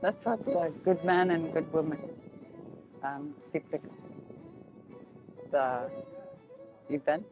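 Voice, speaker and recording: Slow, thoughtful older woman over guitar music. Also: deep voice, poor audio. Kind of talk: reflective interview talk.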